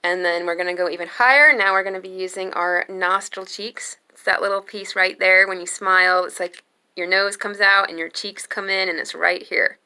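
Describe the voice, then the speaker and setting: A young adult woman giving a singing lesson, explaining slowly and calmly between sung demonstration notes. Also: mid-range voice, clean tone. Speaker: singing teacher.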